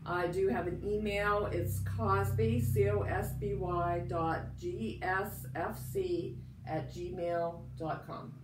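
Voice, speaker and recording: A woman with a croaky, froggy voice from a head cold, giving casual interview answers about her work. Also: on the low side, fairly even intonation, takes it slowly, background noise. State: has a cold. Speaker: free clinic director, interviewee. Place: indoors at a clinic. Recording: echoey room, distant mic.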